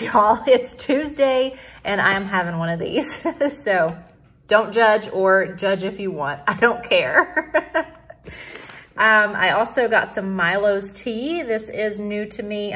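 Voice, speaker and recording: A woman, chatting upbeat on a phone camera as she shows store items and then her haul at home. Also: mid-range voice. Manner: chatty and upbeat, says y'all. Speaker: vlogger. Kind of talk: casual shop-with-me narration. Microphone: phone camera held in hand. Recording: loud fan noise in a store. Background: loud store fans and ambience.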